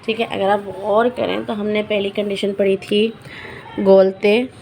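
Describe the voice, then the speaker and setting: A woman teaching Quran recitation rules in a patient lesson. She repeats each example word slowly and checks in her learners often. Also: mid-range voice, flat delivery, creaky, darkish tone, a little hiss or hum.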